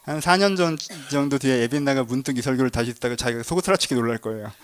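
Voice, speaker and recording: Male pastor preaching fast and casually in church, quizzing his listeners. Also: mid-range voice. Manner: conversational, asks the congregation questions, jokes. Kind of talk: sermon.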